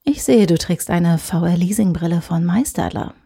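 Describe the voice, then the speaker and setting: A woman voicing a smooth, persuasive male virtual advertising avatar, speaking softly and coaxingly. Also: fairly low pitch, moderate pace. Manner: soft, coaxing, hushed.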